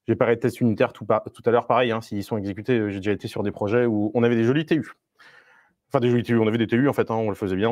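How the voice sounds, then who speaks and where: A man with a lowish voice talks through a live tech meetup, loose and conversational, hesitating often and dropping in playful asides for his viewers. The sound is close and dry. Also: darkish tone, no echo. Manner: conversational, many fillers and restarts, playful asides to the audience. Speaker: Scrum Master giving a meetup talk. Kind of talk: live online meetup talk.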